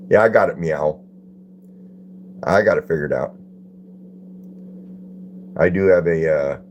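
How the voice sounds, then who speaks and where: A man's voice: deep voice, creaky, a little mellow, lo-fi sound, slight background noise. An older man hosting a live stream, chatting in a folksy way and greeting viewers by name as he reads their comments. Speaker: livestream host. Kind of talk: casual live-stream chat reading comments.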